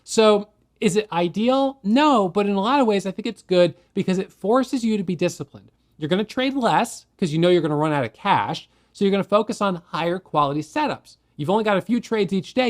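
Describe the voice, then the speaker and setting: A man with a fairly high voice talks to camera about day trading, the way a teacher walks a class through a rule. He keeps it conversational and often poses a question before answering it himself. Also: animated, fairly quick. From United States. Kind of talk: explanatory talk to camera.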